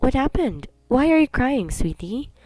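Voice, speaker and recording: A woman voicing a gentle, protective father who speaks softly and soothingly to his frightened daughter. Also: on the low side, normal speed, dry recording, natural voice. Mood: gentle worried. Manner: soft and soothing.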